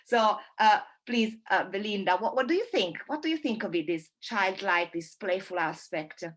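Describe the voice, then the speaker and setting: A woman moderating an online panel discussion over a video call, speaking thoughtfully and haltingly with many fillers. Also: medium pitch, lively intonation.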